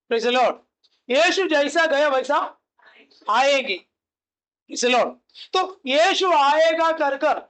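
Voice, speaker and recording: A man's voice: very high-pitched, fairly bright tone. A male pastor preaching a sermon, asking rhetorical questions, answering them himself and repeating key phrases.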